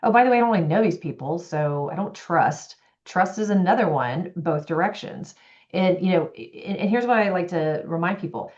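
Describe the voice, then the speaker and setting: Animated woman executive coach, lo-fi. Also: lowish voice, moderate pace. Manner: animated, acts out quoted voices. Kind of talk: podcast conversation. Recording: dull lo-fi audio.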